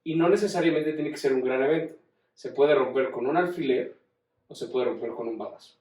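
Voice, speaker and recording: A man's voice: mid-range voice, fairly quick, a little mellow. Man lecturing in a roomy room. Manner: conversational, many restarts and rhetorical questions. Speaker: teacher. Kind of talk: informal lecture. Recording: roomy room, distant mic.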